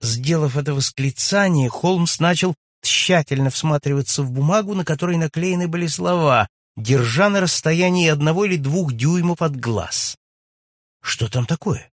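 A man narrating an audiobook in an even storytelling delivery. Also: on the high side, moderate pace, hardly any pauses, no room sound, studio quality.

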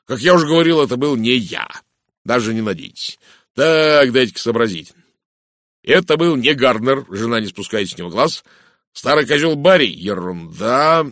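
Brash blustering businessman, raised and pushy, lively swings, as a male reader puts him on. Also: medium pitch, normal speed, dry recording, studio quality, pitched above the performer's own voice, natural voice. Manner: boisterous, blustering, gossiping. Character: loud brash vulgar middle-aged English businessman.

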